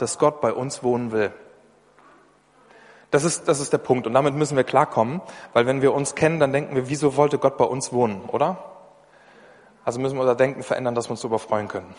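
German man preaching in a reverberant hall. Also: a little high. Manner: lively, conversational, addresses listeners directly. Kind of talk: sermon.

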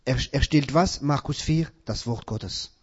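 A male preacher delivering a sermon in non-native German. He reads scripture and asks his congregation questions, then answers them himself, rising to loud emphatic peaks. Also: mid-range voice, unhurried, slightly rough. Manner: loud emphatic peaks between quieter passages. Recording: dull lo-fi recording.

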